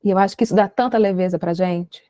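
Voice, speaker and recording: A woman's voice: mid-range voice, fast, mellow, no room sound. A young adult woman with a Brazilian accent, a parenting educator talking reflectively and emphatically as a podcast guest. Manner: reflective, emphatic, uses many tag questions. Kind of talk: conversational podcast interview.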